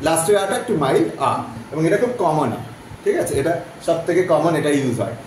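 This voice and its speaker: A man teaching a phonetics lesson, repeating vowel sounds slowly so students can follow. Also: on the high side, very animated, a little mellow. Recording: very echoey room, voice from off-mic, faint background noise.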